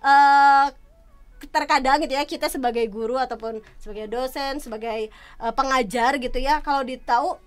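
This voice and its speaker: A woman's voice: high voice, normal speed, clear, resonant tone. A woman English lecturer explaining in a casual podcast chat, switching between Indonesian and English and often tagging her sentences. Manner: mixes Indonesian and English, frequent tag "gitu ya".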